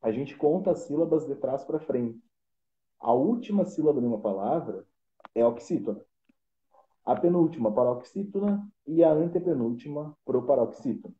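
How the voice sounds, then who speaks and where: Man, Portuguese teacher, very dark mellow tone, roomy lo-fi stream sound, patient step-by-step explainer. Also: medium pitch. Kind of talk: casual explanatory lesson. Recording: roomy, dull lo-fi live stream audio.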